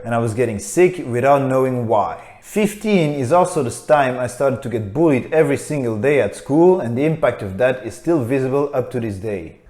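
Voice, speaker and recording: A man's voice: medium pitch, a little mellow. A man in his thirties from Belgium, narrating his own story as a vlogger in a candid, matter-of-fact and self-deprecating way. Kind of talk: scripted personal narration. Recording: roomy echo.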